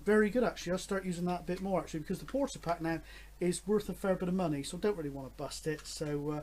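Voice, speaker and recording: High-pitched and rapid-fire, with a slightly mellow quality, this fifty-something man rambles happily to camera as host of a radio hobby vlog. His talk is casual and enthusiastic, full of frequent hesitations.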